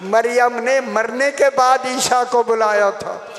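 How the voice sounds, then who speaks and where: A man's voice: very high-pitched, steady tone, takes it slowly, fairly bright tone. A male preacher giving a mourning sermon with a Punjabi-influenced Urdu accent, wailing and drawing out his lines in a lamenting delivery. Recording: hall reverb.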